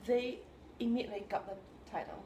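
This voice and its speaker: A woman talks through her ideas slowly and carefully, pausing often to find the right word. Her voice carries the echo of a roomy space, with a steady hiss of background noise. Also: on the high side. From China. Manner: thoughtful and halting, searching for words. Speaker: composer, interview guest. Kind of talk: reflective conversation. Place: room in New York.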